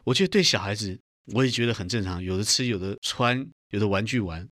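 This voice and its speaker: A man's voice: fairly low pitch, animated, quick pace, fairly bright tone, no room sound, studio quality. A middle-aged man earnestly telling his personal testimony in an interview. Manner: earnest storytelling, acts out quoted voices. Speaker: guest giving testimony.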